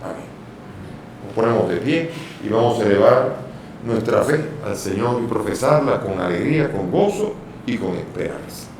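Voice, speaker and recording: Man, priest leading Mass, solemn prayer, deep-leaning voice, heavy church echo, faint noise. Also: lively intonation, moderate pace, a little mellow. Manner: solemn, declamatory. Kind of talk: liturgical preaching and prayer. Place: large reverberant church. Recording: echoing church, distant mic, faint noise.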